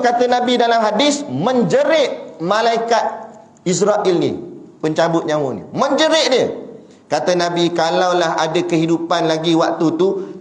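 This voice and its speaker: Male preacher with a Malaysian accent, slightly high voice, lively storyteller, echoey hall. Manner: animated storytelling, acts out voices, rhetorical questions. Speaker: religious preacher. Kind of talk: sermon.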